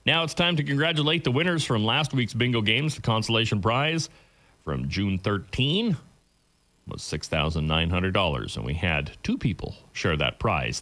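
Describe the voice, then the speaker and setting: A man working as a radio bingo caller, announcing the game and numbers clearly and repeating key details. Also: fairly low pitch, a bit bright.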